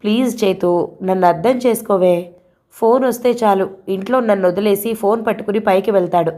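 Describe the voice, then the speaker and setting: A young newlywed wife, hurt and pleading, pours out her complaints to a close friend, voiced by a woman reading an audio novel. Her medium-pitched voice stays close to an everyday speaking tone. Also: fairly quick, dark tone, lightly acted.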